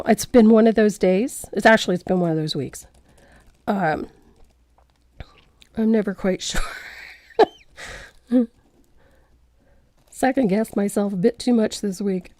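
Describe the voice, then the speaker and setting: A Canadian painting instructor with a cold leads a tutorial, her voice congested and stuffed-up. She chats and rambles with frequent self-deprecating laughs, her medium pitch and darkish tone caught in a dry recording.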